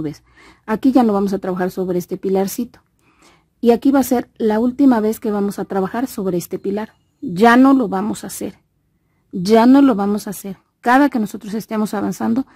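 A woman's voice: mid-range voice, mellow, breathy edge, no echo, clean studio sound. A Mexican woman giving a casual tutorial, with a slight lisp and mouth-full articulation. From Veracruz, Mexico. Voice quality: lisp after molar extraction. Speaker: crochet instructor and host.

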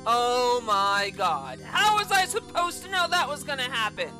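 Young female raging gamer streamer: swooping pitch, drawn-out delivery, exasperated swearing. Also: sing-song, sharp tone. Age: young adult. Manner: raging gamer, exasperated exclaiming and cursing at the game. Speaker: video game streamer. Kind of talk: gaming commentary with heavy swearing. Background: video game music.

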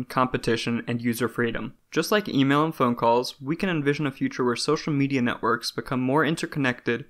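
A man giving scripted narration for an explainer video in an even, measured way. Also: medium pitch.

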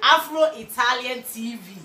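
High, bright-voiced excitable young woman. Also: a little slow. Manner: excited, exclaiming and laughing. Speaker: YouTuber host. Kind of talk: casual chat, guessing game. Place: small indoor room. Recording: echoey room, distant mic, faint noise.

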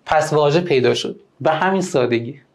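Man teaching poetic meter, chanting feet. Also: on the high side. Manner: chants meter feet slowly, then explains quickly. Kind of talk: online lesson on Persian poetic meter.

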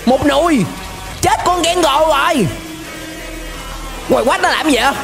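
With an extremely high, animated voice edged with vocal fry, a young adult host with a southern Vietnamese accent reacts a little slowly yet playfully, exclaiming and mixing in English interjections. He's close to a desk mic in a small indoor streaming setup, music in the background.

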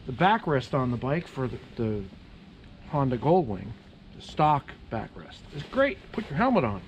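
A man's voice: mid-range voice, big pitch swings, moderate pace, dull audio, slight background noise. A man casually talking through his motorcycle camera setup outdoors, chatting to himself as he fiddles with gear. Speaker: motovlogger.

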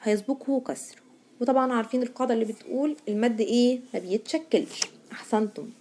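A woman's voice: a little high, fast talker, a little mellow, slight background noise. A woman teaching a primary school grammar lesson in Egyptian Arabic. She stresses each new word and answers her own questions to the pupils. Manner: asks pupils questions and answers them herself.

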